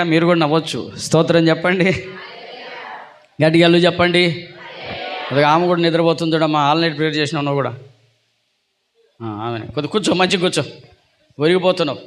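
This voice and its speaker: A man's voice: a little high, a little fast, long pauses. A man preaching a sermon to a church congregation, calling on them for responses and teasing them playfully. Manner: teasing, jokes with listeners. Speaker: pastor.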